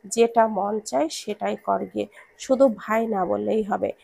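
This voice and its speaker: A woman's voice: mid-range voice, measured pace, mellow. A woman voicing a hot-tempered young man who barks scolds from his sickbed. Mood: annoyed. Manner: gruff, barking scolds.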